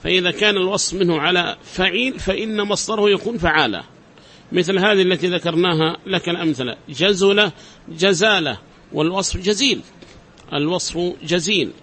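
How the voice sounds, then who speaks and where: A man's voice: high-pitched, brisk, bright, forceful tone, slight background noise. A man teaching a class, explaining step by step, repeating examples and quizzing his students. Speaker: teacher of Arabic grammar. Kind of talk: classroom lecture.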